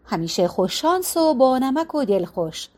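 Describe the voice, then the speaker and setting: Audiobook narrator: female, high register, calm measured reading. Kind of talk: scripted narration.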